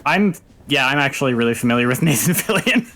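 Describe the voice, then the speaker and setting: A man chats casually over a game with some faint noise behind him. His pitch is middling and he speaks as a relaxed-format let's play co-host. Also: fast talker. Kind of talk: casual chat over gameplay. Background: video game sound.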